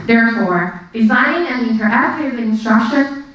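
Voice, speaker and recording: A woman's voice: fairly high pitch, expressive, normal speed, a bit bright. A woman from Taiwan giving a scripted English student presentation, reading carefully from her script. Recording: echoey hall from far off.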